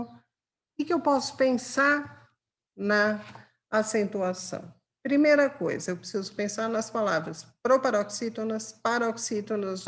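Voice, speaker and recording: A woman's voice: a little high, a bit bright. A woman with a Brazilian Portuguese accent teaching grammar for an exam, patiently explaining with examples and checking in with her students. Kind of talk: exam-prep grammar lesson.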